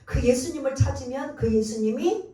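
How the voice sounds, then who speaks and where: A woman's voice: sits high, normal speed, warm tone. A woman pastor preaching a sermon, emphatic and quizzing her congregation with rhetorical questions. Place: church sanctuary. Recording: very echoey church hall, mic at a distance.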